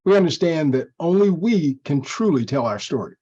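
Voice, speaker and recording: A man, a minister, giving a measured, formal historical tribute at a church service. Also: fairly high pitch, animated, warm tone, muffled recording. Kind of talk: church talk introducing a recording.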